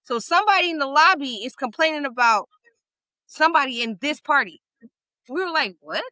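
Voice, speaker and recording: A woman's voice: sits high, brisk, dry recording, poor audio. A woman co-hosting a casual podcast, telling a story with lots of profanity and acting out the people in it. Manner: animated storytelling, profane, acts out quotes. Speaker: podcast co-host. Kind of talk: casual chat.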